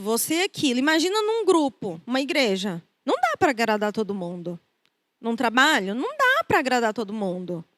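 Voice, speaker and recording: A middle-aged Brazilian woman preaching in a chatty, personal way, her voice set high and sitting close and dry with almost no room sound. She slips into the voices of the people in her stories as she goes. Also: a bit bright, no echo. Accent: Brazilian Portuguese. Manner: conversational, acts out quoted voices. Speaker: preacher and counselor. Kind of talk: sermon.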